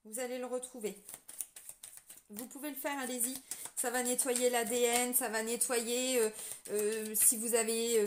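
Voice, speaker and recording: A woman's voice: high-pitched, slight background noise. A woman tarot card reader and energy healer, talking casually and earnestly to her viewers, full of fillers and tag words.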